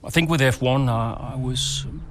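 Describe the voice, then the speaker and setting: In a lightly acted performance, a man plays a retired racing driver and father interviewed in a game cutscene, speaking candidly and hesitantly with regret. His voice is medium-pitched at a moderate pace.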